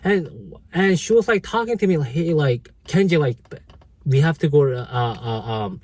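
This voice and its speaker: A man's voice: a little high, big pitch swings, moderate pace, a little mellow. Rambling man telling a work story. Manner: rambling, many fillers and restarts. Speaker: vlogger. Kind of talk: casual storytelling vlog.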